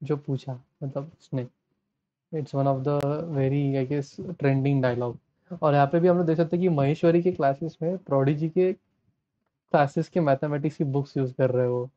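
A man's voice: on the high side, moderate pace, no echo. Chatty young man reacting to a trailer. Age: young adult. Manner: chatty, mixes Hindi and English, trails off and restarts. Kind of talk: casual reaction commentary. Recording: dull, lo-fi dry sound.

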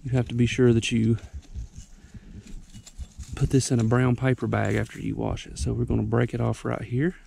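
A man's voice: medium pitch, little pitch movement, moderate pace, creaky, long pauses, dark tone, a little hiss or hum. A young man, out of breath, giving folksy, rambling how-to tips outdoors on a wooded mountainside. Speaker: ginseng hunter vlogger. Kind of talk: casual outdoor how-to vlog.

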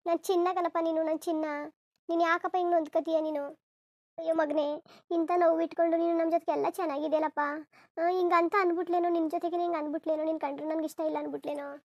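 A woman's voice: very high voice, little pitch movement, quick pace, a little mellow, no echo, lo-fi sound. A woman voicing a doting, protective mother in a cartoon, who fusses and laments over her son. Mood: lamenting. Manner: fretful, lamenting, indignant. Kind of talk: cartoon voice acting.

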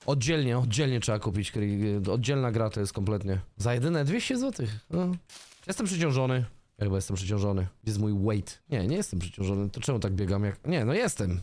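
A young man casually commenting on his own gameplay, chatty and swearing often, sometimes shouting in panic. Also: fairly low pitch. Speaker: gaming streamer. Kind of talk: casual let's-play commentary.

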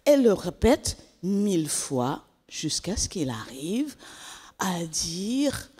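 A woman telling a children's story at a church service, animated and acting out each child. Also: lowish voice, slow, husky. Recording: echoey church hall.

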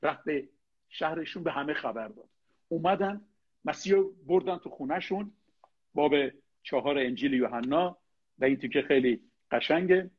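Middle-aged man, pastor, preaching a sermon, husky voice, fairly high pitch, muffled lo-fi sound. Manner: preaching with rhetorical questions, direct address to listeners.

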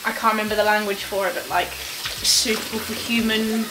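A woman's voice: mid-range voice, fairly even intonation, a little fast, noisy background. Chatty woman vlogging in an echoey room. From England. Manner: chatty and upbeat, with frequent laughs. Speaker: vlogger and marathon runner. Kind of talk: casual vlog chat. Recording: echoey room with faint music.

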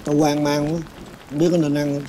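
An actor playing an easygoing, scruffy working-class delivery driver who talks in quick, casual banter. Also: male voice, on the high side, level tone, dark tone, a little hiss or hum, natural voice, poor audio. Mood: uneasy. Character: easygoing working-class man, scruffy but good-humored. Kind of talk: TV drama acting.

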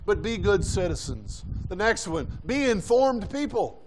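A high-voiced man preaching a sermon in a church, pressing his congregation with short repeated commands. He keeps asking them questions, and he is out of breath. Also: very animated, measured pace, darkish tone, a little hiss or hum. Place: church sanctuary.

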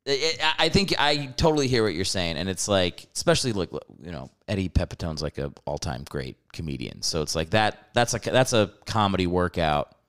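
A man hosting a podcast speaks in a clear, resonant, slightly low voice. He keeps things easygoing, teases his guest and backs him up. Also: expressive, normal speed, hardly any pauses, fairly bright tone. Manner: easygoing, teasing, affirming. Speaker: podcast host. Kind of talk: casual podcast chat.

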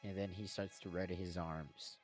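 A man narrating a tabletop role-playing game as game master, in a slow, unhurried way. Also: low-pitched, flat delivery, soft background music.

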